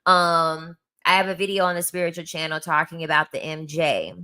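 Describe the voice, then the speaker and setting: Gossipy woman with a bright, forceful voice. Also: low-pitched, moderate pace, clean tone. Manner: gossipy, laughing storyteller. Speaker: host. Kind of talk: casual livestream chat.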